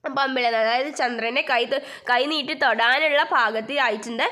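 A woman's voice: high voice, moderate pace, bright, forceful tone. A woman teacher reading out a school textbook story and explaining it, with lots of fillers.

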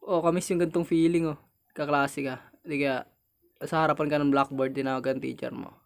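A young man with a Filipino accent, his voice a touch high, talks casually to his viewers as he plays a horror game. He is jumpy, bursting into shouts and nervous laughter when something startles him, then going back to chatty commentary. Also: flat delivery, a little fast, vocal fry. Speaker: gamer playing a horror game.

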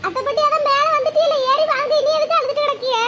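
A woman's voice: very high voice, fairly even intonation, fast talker, a bit bright, a little hiss or hum. A woman voicing a bossy, bustling young village woman in a cartoon, hollering orders. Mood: urgent, bossy. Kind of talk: cartoon voice acting.

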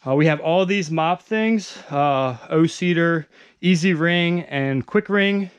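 Male vlogger, slightly high voice, casual rambling walkthrough, basement stockroom. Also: slow, clean tone, highs cut off. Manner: loose, rambling, many fillers. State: out of breath. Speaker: online reseller vlogger. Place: home basement storage room.

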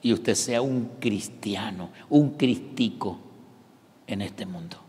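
A man with a Venezuelan Spanish accent, preaching a live sermon with dramatic swings from shouting to whispering. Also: on the low side, slow. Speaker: pastor. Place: large church hall. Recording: long reverb of a large church hall.

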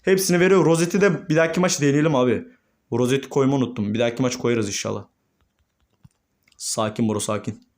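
A young gaming YouTuber with a medium-pitched voice talks fast as he commentates his own gameplay. He swings between calm murmurs and excited shouting.

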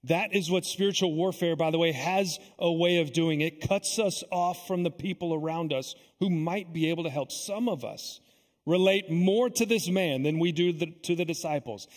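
A pastor preaching a sermon in a church, earnest and deliberate, pausing often and repeating his phrases for weight. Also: a little high. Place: church sanctuary. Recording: long echo of a church sanctuary.

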